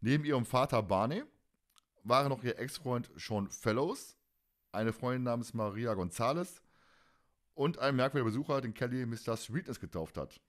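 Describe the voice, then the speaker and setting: A male podcast co-host recaps an audio drama in casual, rambling chat, his colloquial talk often doubling back on its phrases. His voice is medium-pitched and expressive, at a normal speed.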